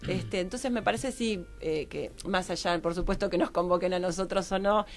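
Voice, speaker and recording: Faint music plays behind this fairly low-pitched woman speaking at a moderate pace. A psychology professional who trains others, she appears as a radio guest with an Argentine Rioplatense accent, reflecting and explaining conversationally while frequently using tag questions to seek agreement.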